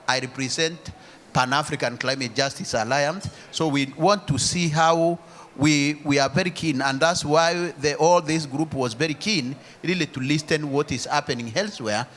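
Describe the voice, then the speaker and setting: A man from Kenya speaking earnestly on a conference panel, with halting restarts. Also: fairly high pitch, a bit bright, slight background noise. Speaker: panel speaker for a climate justice alliance. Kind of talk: panel discussion remarks.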